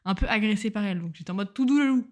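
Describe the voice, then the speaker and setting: Speaking rapid-fire at a medium pitch, a young woman who is a medical student podcasts into a home microphone from her couch. Her diary-style show rambles from topic to topic, slangy and self-mocking, with an easygoing everyday feel.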